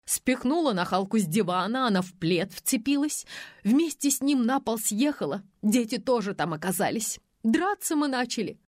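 A woman's voice: animated, normal speed, a little mellow, no room sound, studio quality. A woman reading an audiobook, voicing a quarrelsome young mother who shrieks and wails. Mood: screaming. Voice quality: shrill, crying out.

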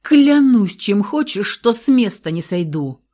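A woman voicing a hot-tempered young woman who is frantic and stubborn, with shrill, hysterical outbursts, in an audiobook reading. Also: very animated, normal speed, warm tone. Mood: pleading.

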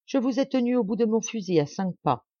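A woman's voice: fairly high pitch, animated, fairly quick, warm tone, dry recording, highs cut off, pitched above the performer's own voice. A woman reading the part of a brave, grim young male peasant fighter who pleads solemnly and urgently.

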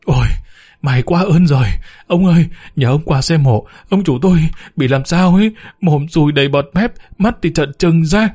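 A man's voice: mid-range voice, normal speed, mellow, breathy edge, faint music behind, lightly acted. A man voicing a frightened elderly housemaid in a spoken story, pleading and panicky. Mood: terrified pleading.

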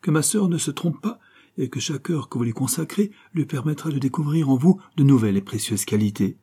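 Brief: man doing a vain, insincere young nobleman, dark husky tone. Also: medium pitch, brisk, voice pushed up. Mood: flattering. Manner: affectedly indifferent, flattering. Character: young snobbish nobleman, hypocritical and smooth.

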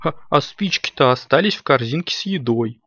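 A man's voice: medium pitch, animated, fairly bright tone, dry recording. A man doing a sure-of-himself father cat. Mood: knowing. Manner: decisive, knowing, slow and sure. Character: confident, good-natured father cat. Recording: dull lo-fi recording.

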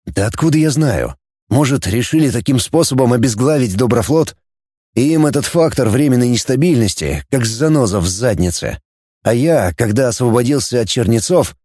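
A man's voice: medium pitch, lively intonation, moderate pace, dark tone, slightly rough, dry recording, studio quality. A man playing a cynical, blunt male outcast who talks in a sardonic, scornful way.

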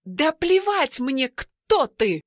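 A woman reader voicing a haughty, spiteful young woman who yells and sneers in an audiobook. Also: fairly high pitch, animated, measured pace, dry recording, clean studio sound. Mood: furious.

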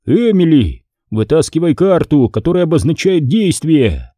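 A man's voice: big pitch swings, normal speed, mellow, no echo, studio quality. A man voicing a know-it-all boy running the game. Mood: instructing. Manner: low, mysterious, impatient. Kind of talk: audiobook character voice.

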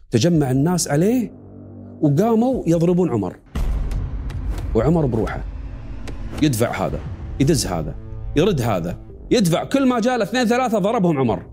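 A middle-aged male preacher with a Gulf Arabic accent tells a story in an animated sermon. His voice is fairly high and mellow and moves with lively swings of pitch. A faint bed of music plays behind him. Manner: animated, mixes dialect with classical quotes.

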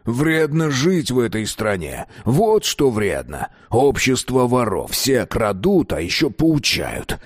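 A man's voice: medium pitch, big pitch swings, slow, hardly any pauses, dry recording, clean studio sound. A man reading the part of a cynical older official, a grandfather who rants irritably about everyone around him. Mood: bitter ranting. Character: bitter older male official, grey-haired grandfather.

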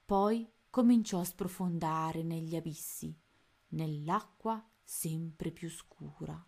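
A woman narrating a children's storybook aloud at a gentle, unhurried pace. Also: low-pitched, gravelly, husky. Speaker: reader of children's books.

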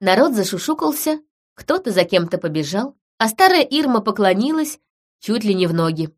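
A woman narrating a story in the first person with even storytelling. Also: medium pitch, moderate pace. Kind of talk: scripted narration.

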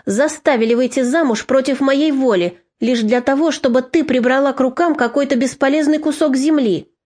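A woman's voice: high-pitched, normal speed, darkish tone. Woman reader doing a bitter mother, snapping and curt. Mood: harsh. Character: bitter harsh mother, middle-aged woman.

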